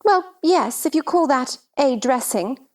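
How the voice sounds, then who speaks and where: A woman's voice: high-pitched, lively intonation, measured pace, a little mellow. A woman playing a scatterbrained, helpless queen in a theatrical children's storybook drama, fluttery and fussy. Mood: fussy, insistent. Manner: fluttery, nonsensical insistence, crying out.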